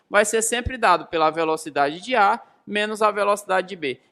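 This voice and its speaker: A Brazilian-accented physics teacher in his thirties speaks in a very high, pushed, bright voice. His lesson is emphatic and didactic, with rhetorical questions and key phrases said again and again.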